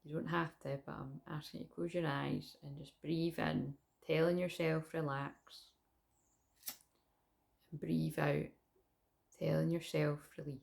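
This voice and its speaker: A British woman leads a guided relaxation in a hushed, close-up murmur. Her voice is fairly low and noticeably creaky. She speaks slowly and soothingly. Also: little pitch movement. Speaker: psychic tarot reader and online host.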